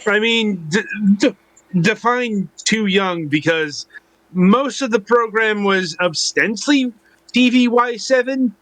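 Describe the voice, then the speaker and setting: A man co-hosting a podcast, talking in a dry, measured way with wry asides. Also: high voice, fairly bright tone, no room sound, low-quality recording. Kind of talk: casual chat.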